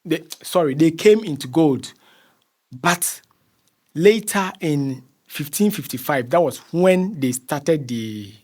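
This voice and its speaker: Slow, animated and a little mellow, this slightly high male voice belongs to a Ghanaian interview guest with a Ghanaian accent. He explains in a conversational way, frequently repeating phrases as he hunts for the right words.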